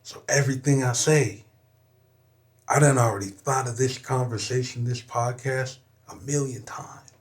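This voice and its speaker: A young man from Southern California speaks as a podcast guest, with a voice of middling pitch. He tells a personal story openly, leaning hard on his words and swearing freely. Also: fairly even intonation, normal speed. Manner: emphatic and profane, with frequent "you know what I'm saying".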